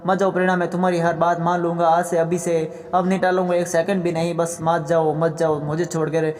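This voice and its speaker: Desperate young husband begging, narrator doing the lines, flat tone, echoey hall sound. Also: mid-range voice, fairly quick, lightly acted. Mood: pleading. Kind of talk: scripted story narration. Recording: long hall reverb.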